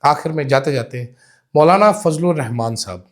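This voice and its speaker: A man's voice: fairly high pitch, lively intonation, moderate pace. A man with a Pakistani Urdu accent, delivering a political commentary monologue with sarcastic, mocking asides.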